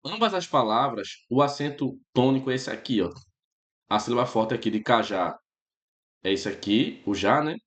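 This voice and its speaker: A man's voice: medium pitch, moderate pace, roomy sound, highs cut off. Chatty Brazilian man teaching grammar. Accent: Brazilian Portuguese. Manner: relaxed, chatty, keeps checking in with the class. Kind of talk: casual spoken grammar lesson.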